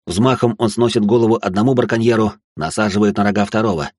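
A man narrating a dramatic first-person story with quick asides. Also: fairly low pitch, a little mellow, no room sound, studio quality.

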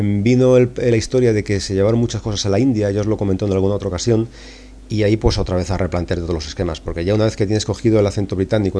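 A middle-aged Spanish man hosts a language podcast in a relaxed, chatty way. His voice sits a little low and sounds dark and mellow. He wanders between points, dotting his speech with fillers and tag questions. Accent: Spanish, from Spain. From Spain. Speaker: podcast host and English teacher. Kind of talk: casual spoken lesson.

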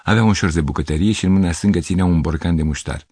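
A man reading a literary story aloud in a measured, steady narration. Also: low-pitched, slightly rough, no room sound.

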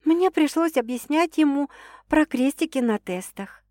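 A woman's voice: animated, unhurried, no echo, studio quality. A woman voicing a young pregnant bride-to-be in an audiobook, nervous but cheerful. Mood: excited. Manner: bright, higher girlish delivery.

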